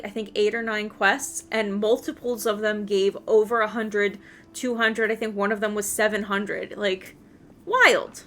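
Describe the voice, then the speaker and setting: A woman's voice: mid-range voice, fairly bright tone, slight background noise. A woman chatting casually on a game livestream, rambling and thinking aloud as she plays. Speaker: game streamer.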